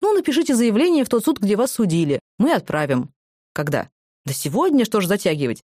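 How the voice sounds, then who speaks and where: Female narrator putting on a kindly old officer, low rolling voice, slow grandfatherly drawl, dry recording. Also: very animated, warm tone, dry recording. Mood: genial. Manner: folksy, avuncular, unhurried. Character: small old male prison duty officer, jovial.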